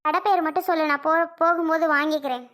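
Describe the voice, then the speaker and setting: Brief: woman doing a quiet, consoling older mum, gentle and low-key. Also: steady tone, quick pace. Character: calm older woman, motherly peacemaker. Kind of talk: family skit acting.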